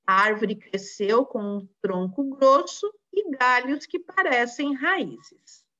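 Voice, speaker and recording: A woman teacher with a Brazilian Portuguese accent talks slowly and patiently to young children in a recorded online lesson. Her voice sits a bit high and moves up and down a lot. The sound is somewhat dull and lo-fi. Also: a bit bright. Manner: slow, patient, encouraging, with many diminutives. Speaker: primary school teacher.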